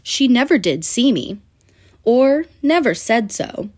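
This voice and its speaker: This children's book narrator is a woman whose voice leans high. She performs an expressive reading of a rhyming picture book, animated and sing-song, with pauses placed deliberately.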